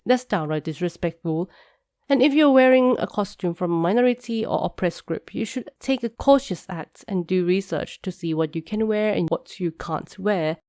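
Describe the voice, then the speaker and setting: A woman's voice: fairly low pitch, warm tone, no echo, clean studio sound. A woman with a congested, nasal voice from a cold, explaining things in a scripted video talk. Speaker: video creator.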